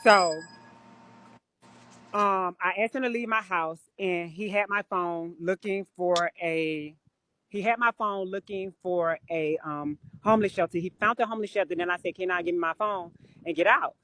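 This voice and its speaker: A woman's voice: fairly low pitch, normal speed, sharp tone, no room sound. A woman on a live stream, telling stories bluntly and with plenty of swearing in casual chat. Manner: blunt, profane storytelling. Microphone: phone or webcam on a live stream.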